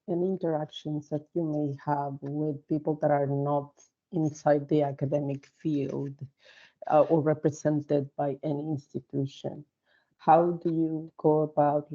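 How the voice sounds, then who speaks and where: A woman in the audience asks a question in a mellow, soft-edged voice, hedging and filling pauses as she goes. The sound is slightly dull and lo-fi. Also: deep voice. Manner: hesitant, lots of fillers and hedging. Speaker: audience member asking a question. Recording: dull, slightly lo-fi talk recording.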